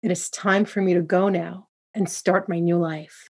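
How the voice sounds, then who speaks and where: A woman voicing a young man who becomes a mountain robber, speaking earnestly and forcefully. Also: lowish voice, fairly even intonation, normal speed, slightly rough. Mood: proud. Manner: earnest, pleading then commanding.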